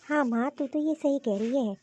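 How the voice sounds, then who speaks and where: A woman's voice: high-pitched, normal speed, dark tone, husky, no echo. A woman voicing a selfish young wife in a Hindi cartoon, stubborn and insistent.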